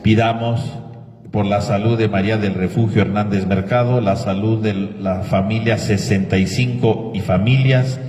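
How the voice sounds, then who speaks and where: Echoing low-voiced priest in a church. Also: male voice, steady tone, moderate pace, darkish tone. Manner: rhetorical questions to the congregation. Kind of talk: homily and liturgical prayer at Mass. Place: large reverberant church. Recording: echoey church, long reverb, distant microphone.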